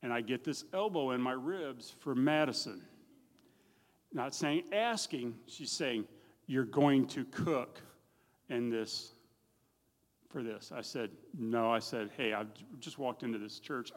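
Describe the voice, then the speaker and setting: A man's voice: medium pitch, lively intonation, measured pace. A middle-aged man giving a plain-spoken, folksy personal testimony in a church, telling his story with a self-deprecating edge. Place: church hall. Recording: long reverb of a church hall.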